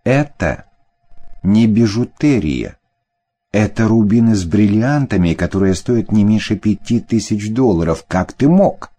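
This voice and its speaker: A man's voice: lowish voice, expressive, unhurried, warm tone, pitched above the performer's own voice. A man voicing an indignant young woman who confronts her former lover, speaking in an accusing, emphatic way.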